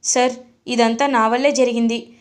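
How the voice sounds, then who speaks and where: A woman voicing a scheming young office assistant who is falsely polite and shouts at her boss. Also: fairly high pitch, steady tone, moderate pace, natural voice.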